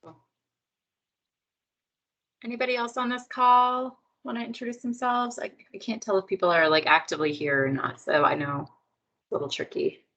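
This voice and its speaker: A woman's voice: medium pitch, little pitch movement, normal speed, long pauses, fairly bright tone. A woman facilitating a video meeting in a chatty, upbeat way with plenty of fillers, heard over a video call. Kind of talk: casual video meeting chat. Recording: dull, muffled video call audio.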